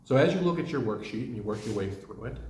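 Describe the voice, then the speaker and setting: A man coaching players through a mental exercise, calm and direct, asking many questions. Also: lowish voice, quick pace, reverberant, a little hiss or hum. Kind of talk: guided coaching lesson.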